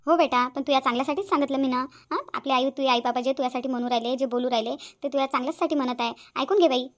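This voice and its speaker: Brief: advice-giving cartoon auntie, voiced by a woman, quick delivery. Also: high-pitched, steady tone, lightly acted. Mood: coaxing. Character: meddling middle-aged neighbor aunt, advising. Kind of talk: cartoon voice acting.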